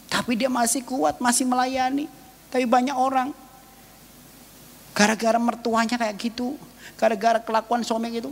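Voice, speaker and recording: Husky guy preaching, gets loud then soft, cracks jokes, echoey church hall. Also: high voice. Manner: emotive, swings between loud and hushed, jokes with congregation. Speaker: pastor. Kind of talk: preaching a sermon with personal stories.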